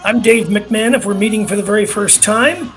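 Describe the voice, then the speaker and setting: A man's voice: high-pitched, brisk, soft background music. A man hosting a talk radio show, upbeat and folksy, from Canada. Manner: upbeat, folksy, reads sponsor lists.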